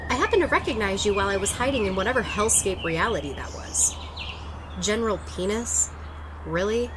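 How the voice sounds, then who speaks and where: A woman plays a pragmatic, wry wasteland survivor in a comic audio drama. Her mid-pitched voice moves up and down freely over noisy ambience with birds. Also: lively intonation, brisk, natural voice.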